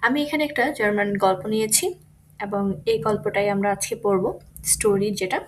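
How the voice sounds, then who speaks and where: A woman teaching German pronunciation in an online lesson, saying each example word again, louder. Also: mid-range voice, fairly even intonation, a little hiss or hum. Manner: slow, repeats example words loudly.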